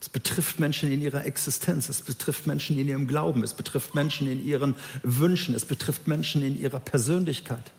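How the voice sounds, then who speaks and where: A man preaching a sermon, emphatic and lively, who acts out the voices of the people he quotes. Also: mid-range voice, brisk, gravelly, few pauses, in a large hall.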